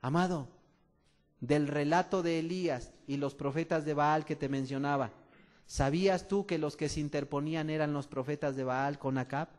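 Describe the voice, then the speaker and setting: High-voiced Mexican preacher, impassioned. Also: male voice, steady tone, normal speed. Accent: Mexican Spanish. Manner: impassioned, swings from soft asides to shouting; addresses listeners as "amado". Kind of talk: sermon.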